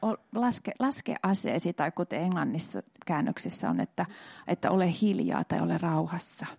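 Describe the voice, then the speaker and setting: A woman's voice: lowish voice, sing-song, vocal fry, a little mellow, husky, dry recording, clean studio sound. A woman interpreting a sermon phrase by phrase, sometimes correcting herself partway through a word. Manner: translates phrase by phrase, with small self-corrections.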